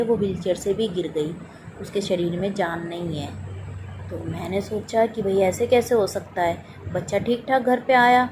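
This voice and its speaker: A woman's voice: medium pitch, noisy background. A woman, a mother, telling a personal story about her daughter in spoken testimony style, voicing both her own lines and her daughter's as she goes.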